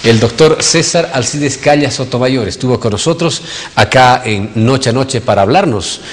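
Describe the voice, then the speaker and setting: A man's voice: mid-range voice, moderate pace, slight background noise. A man hosting a TV interview, asking short, courteous questions. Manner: brief, courteous prompting questions. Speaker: TV show host. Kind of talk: TV studio interview. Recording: long hall reverb.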